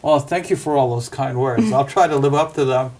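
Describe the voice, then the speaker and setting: A man from Guyana, a spinal surgeon, giving measured advice in an interview and often repeating what he tells his patients. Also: mid-range voice, darkish tone, a little hiss or hum. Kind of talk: interview answers. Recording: roomy, distant mic with faint ambience.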